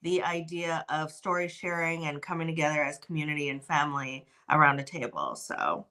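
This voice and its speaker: A Canadian woman in her forties with a slight Texan accent appears as a podcast guest via a video call on her tablet's mic. Her voice is deep and a little fast, and she tells stories in a bubbly, animated way during this casual interview chat.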